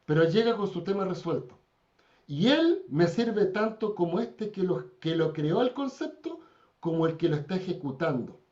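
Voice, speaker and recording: A man's voice: high voice, sing-song, moderate pace, a little mellow. A man teaching a church class, telling stories and acting out the people in them. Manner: storytelling, acts out quoted people with raised voice. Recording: dull lo-fi recording.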